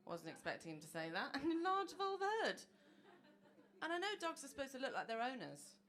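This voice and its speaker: A woman's voice: high voice, very animated, a little fast, a bit bright. Laughing woman comedian on a club stage. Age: 30s. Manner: chatty, self-mocking, laughing through jokes. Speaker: stand-up comedian. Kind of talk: stand-up comedy set. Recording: noisy live club recording.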